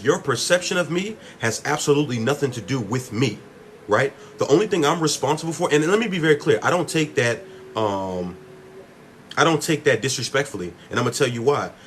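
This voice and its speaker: Man, mid-pitched voice, emphatic, preachy, casual livestream talk, phone mic, slight background noise. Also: a bit bright. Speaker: livestreamer answering comments.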